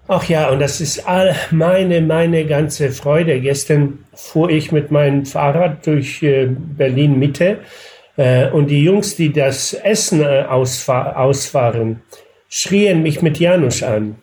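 A man, a regular on the show, calls in and chats casually. His voice sits a little high, and he speaks slowly and hesitantly, searching for words with frequent fillers. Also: darkish tone. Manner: hesitant, with many fillers and self-corrections. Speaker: regular on the podcast, phoned-in guest. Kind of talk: casual chat over a call.

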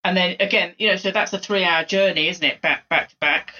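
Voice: mid-range voice, fairly quick, bright, forceful tone, muffled recording. An architect from South London, a guest on a podcast, talking conversationally with hesitant fillers. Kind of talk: casual chat.

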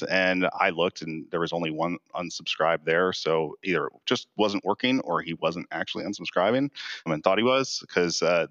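A very low-voiced male podcast co-host who talks in a relaxed, rambling way with wry asides. The recording is dry and a little dull. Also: no room sound. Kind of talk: casual podcast chat.

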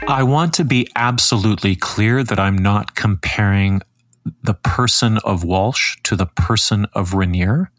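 A man hosting a podcast, reading scripted commentary in a measured, critical way. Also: fairly low pitch, fairly bright tone, no echo, faint music behind. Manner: measured, critical, reads quotes aloud. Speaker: podcast host.

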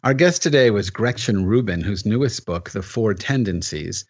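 A man hosting an interview, asking measured, halting questions. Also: on the low side, lively intonation. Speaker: radio interview host.

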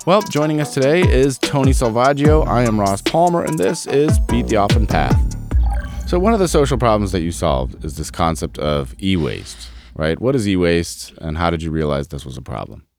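A man's voice: lowish voice, moderate pace, loud music behind the voice. A man hosting a podcast interview, reading a scripted intro and then joking in a self-deprecating way. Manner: jokey, self-deprecating, animated. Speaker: podcast host.

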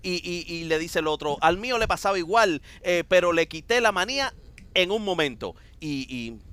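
Halting man telling old jokes. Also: high voice, animated, bright, forceful tone, clean tone, no room sound. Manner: halting, restarts often while telling jokes. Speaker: podcast co-host. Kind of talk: casual joke telling.

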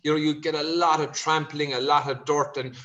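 A man's voice: on the high side, flat delivery, a little fast, a bit bright, highs cut off. A man from Kerry with a west of Ireland accent, explaining things conversationally as an expert vet, with informal asides. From County Kerry, Ireland.

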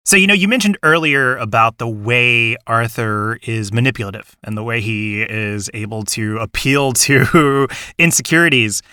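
A man's voice: mid-range voice, normal speed, few pauses, pushed and bright, clean tone, no room sound, studio quality. A man hosting a casual podcast discussion, talking enthusiastically in rambling bursts with frequent restarts. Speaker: podcast host.

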